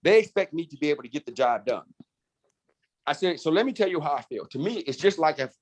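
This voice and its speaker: A man leading a marketing team, talking in a fired-up, animated, straight-talking way in a casual chat on a video call. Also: a little high, quick pace. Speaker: network marketing team leader.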